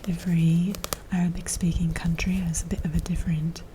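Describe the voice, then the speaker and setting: A woman with an American accent whispers softly in a casual ASMR chat, rambling and haltingly searching for her words. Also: lowish voice, flat delivery, noisy background. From United States. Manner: soft, unvoiced whispering. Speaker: ASMR creator and host.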